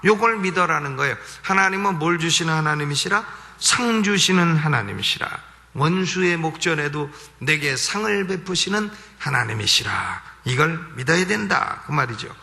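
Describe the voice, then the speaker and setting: A man's voice: a little high, big pitch swings, moderate pace, vocal fry, pushed and bright. A male pastor giving an expository sermon, emphatic, repeating key phrases and asking rhetorical questions. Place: church sanctuary. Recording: long church reverb.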